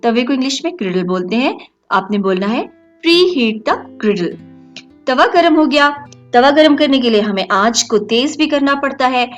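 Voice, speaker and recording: A woman hosting an English lesson, repeating each phrase slowly and carefully for learners. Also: high voice, expressive, soft background music. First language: Hindi or Urdu. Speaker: English teacher, channel host. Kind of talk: slow instructional lesson.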